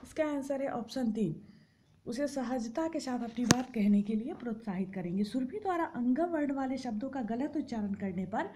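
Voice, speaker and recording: A woman tutor reading exam questions aloud, listing each option in turn and then giving and explaining the answer, in a steady, methodical manner. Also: fairly high pitch, normal speed, background noise.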